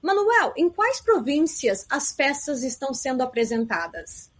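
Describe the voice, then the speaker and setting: A woman's voice: sits high, big pitch swings, unhurried. A woman interviewer asking polite, direct questions.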